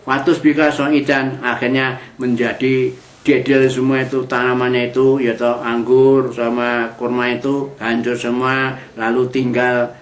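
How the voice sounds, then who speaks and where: A man's voice: medium pitch, completely flat delivery. Man teaching scripture, echoey. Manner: recites Arabic verses slowly, then explains in chatty colloquial asides. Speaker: Quran teacher. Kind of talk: Quran exegesis lesson. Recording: echoey room.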